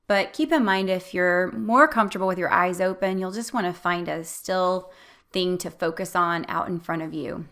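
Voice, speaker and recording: A woman with a slightly low voice guides a meditation at a normal speed. She speaks gently and soothingly, offering calm, clear instructions.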